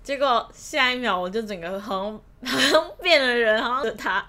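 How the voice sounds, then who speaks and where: Bright-voiced young woman telling stories. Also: fairly high pitch, moderate pace. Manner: laughs often, animated retelling. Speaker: podcast co-host. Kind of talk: casual storytelling chat.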